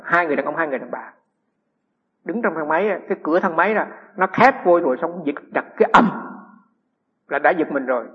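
A middle-aged Buddhist monk gives a dharma talk in a husky, fairly high voice. He tells anecdotes and keeps asking his audience rhetorical questions. The dull, lo-fi recording carries a long hall reverb.

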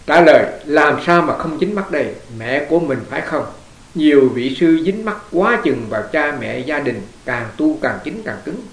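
Gravelly monk preaching. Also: male voice, fairly high pitch, animated, normal speed. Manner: conversational, storytelling, asks the audience questions. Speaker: Buddhist monk teacher. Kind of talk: dharma talk answering questions. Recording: echoey room with faint hiss.

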